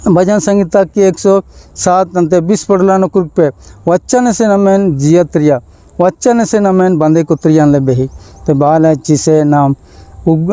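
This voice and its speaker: A man with a Malto accent, a bishop giving an Easter sermon in a measured preaching manner with pauses. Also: on the high side, warm tone, no room sound.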